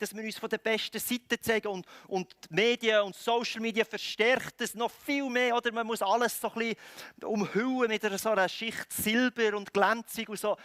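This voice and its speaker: Bright, high-voiced preacher. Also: male voice, dry recording. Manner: conversational preaching, acts out scenes, many restarts. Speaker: pastor. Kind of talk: sermon.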